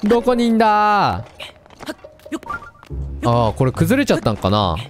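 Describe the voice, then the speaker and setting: Excitable man streaming a game. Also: high-pitched, a little slow. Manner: excitable, exclaims and reads game lines aloud. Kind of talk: casual let's-play commentary. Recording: game music playing under voice. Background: game music.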